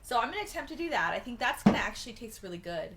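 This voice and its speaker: A woman's voice: fairly high pitch, big pitch swings, racing, very noisy. A woman co-hosting a drink tasting show. She jokes about being nervous and stretches out some of her words. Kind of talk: casual tasting chat.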